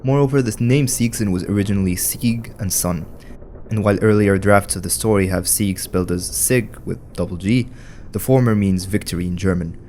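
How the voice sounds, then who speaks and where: Low-voiced man narrating wryly. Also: normal speed, a little mellow, slight background noise. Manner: wry, conversational commentary. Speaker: video essay narrator. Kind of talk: scripted narration.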